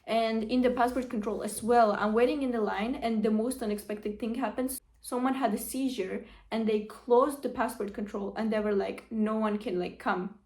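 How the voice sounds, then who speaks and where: A woman's voice: on the high side, steady tone, normal speed, hardly any pauses, darkish tone. A young woman vlogger telling a casual story, rambling with lots of fillers and acted-out quotes. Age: young adult.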